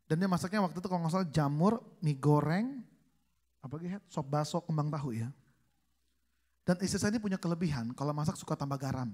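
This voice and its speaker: A man's voice: fairly high pitch, expressive, fast, a little mellow. A male pastor preaching a sermon at a church service, telling family stories with jokes and acting out the dialogue. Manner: joking storyteller, acts out family dialogue.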